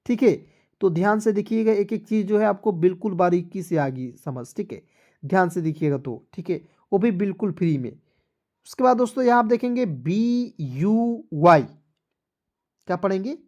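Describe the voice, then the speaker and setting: Mellow-voiced man spelling words out slowly. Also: high voice, expressive. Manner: spells letters aloud, then asks and answers; repeats each word slowly. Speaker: online English teacher. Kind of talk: spelling-out language lesson.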